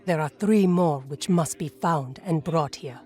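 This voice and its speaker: A determined warrior leader in a game cutscene. She speaks low and firmly, giving orders with no hesitation. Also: unhurried, dark tone. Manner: firm, commanding.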